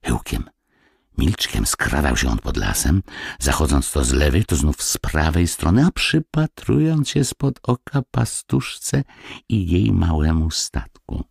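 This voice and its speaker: Deep, husky storybook narrator man. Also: big pitch swings, measured pace, darkish tone, no room sound, clean studio sound. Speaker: audiobook narrator. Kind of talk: fairy-tale audiobook reading.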